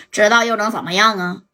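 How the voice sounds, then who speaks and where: A woman's voice: mid-range voice, sharp tone. A woman voicing a shady male gang boss who squeezes his throat to disguise his voice, taunting and defiant.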